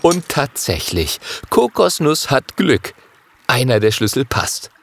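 A man reading a children's story aloud in a lively, expressive way. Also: medium pitch, takes it slowly, creaky, no echo.

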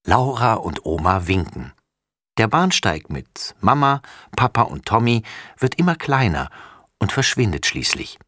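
A man reads a children's storybook aloud with a deep, low voice that swings up and down with plenty of life. The sound is close and dry, with no room around it. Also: a little slow, no echo. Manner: expressive, lively. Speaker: narrator.

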